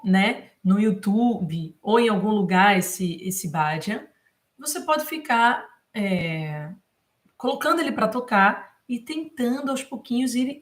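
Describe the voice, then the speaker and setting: A woman music teacher giving a live guitar lesson, who sings short mantra lines and then patiently explains the chord changes, with frequent fillers. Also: mid-range voice. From Brazil. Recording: faint guitar playing behind the voice.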